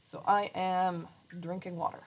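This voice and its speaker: A woman's voice: level tone, a little slow, slight background noise. Rambling, self-mocking woman streamer, dull audio. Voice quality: slight vocal fry when talking low. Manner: rambling, self-deprecating, laughs often. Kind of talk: casual live-stream chat while sewing. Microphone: desk microphone.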